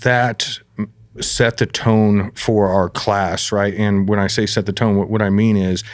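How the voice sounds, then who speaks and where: Low-voiced podcast host, dry sound. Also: male voice, fairly even intonation, unhurried, no room sound. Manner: rambling, many fillers and affirmations. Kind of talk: casual interview.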